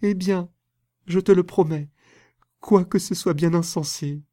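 A man's voice: high-pitched, fairly even intonation, measured pace, dark tone, no echo, clean studio sound, pitched above the performer's own voice. A man reading aloud voices a proud, passionate young woman in a storybook, with an impassioned, theatrical delivery. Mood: softening.

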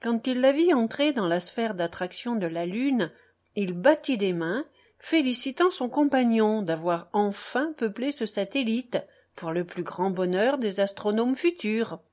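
Woman narrator, audiobook reading, unhurried pace, fairly high voice, measured and expressive.

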